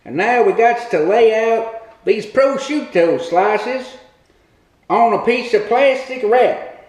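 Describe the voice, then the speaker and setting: A man's voice: extremely high pitch, takes it slowly, darkish tone, roomy sound, low-quality recording. A man hosting a comic cooking demo in a home kitchen, talking in a rambling, folksy hillbilly way. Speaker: cooking show host.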